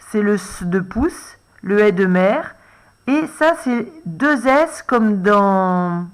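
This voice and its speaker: Patient, unhurried French woman teacher guiding young children through a dictation letter by letter. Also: medium pitch. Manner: gentle, explains letter by letter, reminds to pause the video. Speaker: first-grade teacher.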